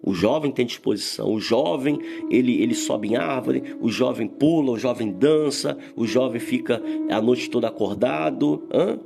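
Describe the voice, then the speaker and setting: A man preaching a fervent morning sermon as a pastor, slowing down to read scripture aloud. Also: medium pitch, vocal fry. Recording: music bed behind the voice.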